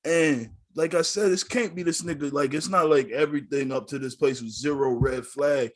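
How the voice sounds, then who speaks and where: A young man co-hosting a casual podcast, his voice sitting a bit high. He argues in a heated, profane way, acting out the people he quotes as he goes. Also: moderate pace. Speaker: podcast co-host.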